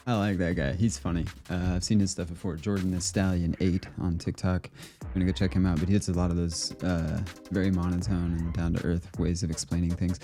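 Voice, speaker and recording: A man hosting a conspiracy video series, giving relaxed, rambling commentary on the clips he plays. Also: sits low, a little fast, faint music behind. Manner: rambling and relaxed, with fillers and laughs. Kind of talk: casual commentary reacting to clips.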